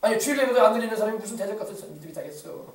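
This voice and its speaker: A man preaches with a high, quick voice and rousing call-and-response energy. He speaks with a regional Korean accent from the Yeosu area. His voice echoes through a church sanctuary and is picked up from some distance. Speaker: pastor. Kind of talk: sermon.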